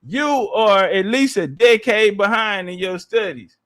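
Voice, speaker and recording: Man, very high pitch, slow pace, slangy, taunting, live debate host. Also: fairly bright tone. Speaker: live-stream panel host.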